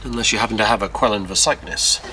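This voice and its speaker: An actor playing a bumbling, overconfident sitcom dad who boasts and bluffs. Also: male voice, fairly low pitch, fast talker, background noise, natural voice. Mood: bluffing. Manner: boastful, blustering. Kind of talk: sitcom acting.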